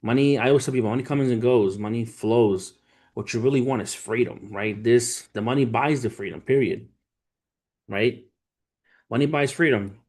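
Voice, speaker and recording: His voice sits at medium pitch with a darkish tone and a moderate pace. In his thirties, he's a trader running a casual livestream, telling stories and offering motivation in profane street slang and addressing viewers as family.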